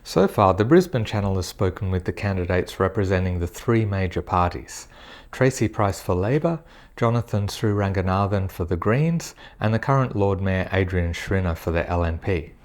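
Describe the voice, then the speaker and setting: A man's voice: low-pitched, expressive, normal speed. A man hosting a casual interview, asking questions with many hesitations and fillers. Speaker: interviewer, channel host.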